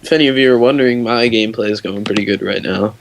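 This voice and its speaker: Young male podcast co-host, teasing and halting, faint hiss and clicks. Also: fairly low pitch, creaky. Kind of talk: casual chat.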